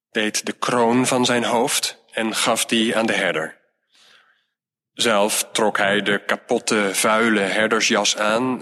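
A man narrating a storybook tale in a slow, measured reading voice. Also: mid-range voice, pushed and bright. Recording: long hall reverb.

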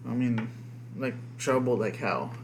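Over a noisy background, a young man speaks at a measured pace in a medium pitch. He co-hosts a laid-back podcast, an American father raised speaking Spanish first, and his talk is profane and rambling, thick with fillers.

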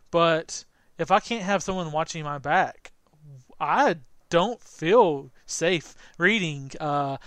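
A man's voice: on the high side, a bit bright, clear, resonant tone, no room sound. A man hosting a gaming podcast in casual chat, rambling and jokey, often restarting his sentences. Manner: rambling, self-interrupting, jokey. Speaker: podcast host.

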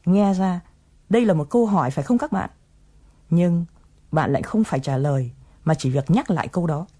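A woman's voice: lowish voice, expressive, brisk, warm tone, husky. Patient woman teaching English phrases. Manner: patient, coaxing.

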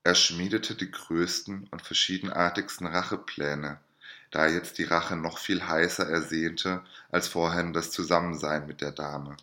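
A man narrating a classic tale aloud in a steady, measured storytelling manner. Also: sits low. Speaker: audiobook narrator.

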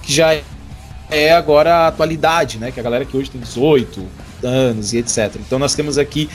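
A man's voice: medium pitch, fast, faint music behind. A man in his twenties hosting a podcast, chatting casually and joking, with many restarts. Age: 20s. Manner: jokey, laughing, rambling with restarts. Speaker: podcast host.

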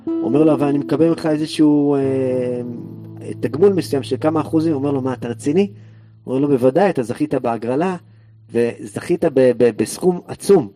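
Man telling a story over guitar music. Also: medium pitch. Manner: animated storyteller acting out characters' lines. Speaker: Torah teacher. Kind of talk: storytelling in a Torah class.

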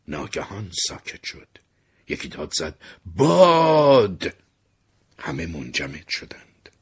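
Deep, very husky male storyteller. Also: bright, forceful tone. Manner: theatrical, dropping to whispers and rising in sudden bursts. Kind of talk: dramatic first-person story narration.

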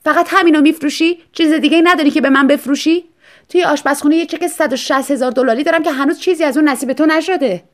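A woman voicing a distraught, demanding rich woman writer who shouts her wants. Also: close to an everyday voice. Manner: loud, shrill outbursts.

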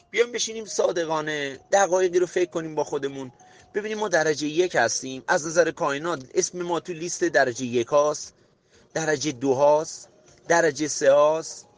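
A man hosting a motivational podcast, preaching emphatically to his listener and rising to near-shouts. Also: fairly high pitch. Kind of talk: motivational monologue.

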